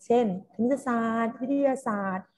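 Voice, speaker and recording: A woman's voice: fairly high pitch, moderate pace, crowd noise. A woman teaching a primary class online, coaxing pupils to read along. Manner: coaxing, calls pupils "ลูก" and leads choral reading.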